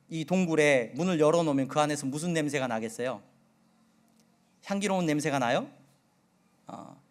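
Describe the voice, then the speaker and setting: Preaching with a slightly high voice, this middle-aged pastor from Jeolla, Korea, speaks mostly Seoul Korean with occasional Jeolla dialect. He questions his congregation often, his delivery moving from loud to soft.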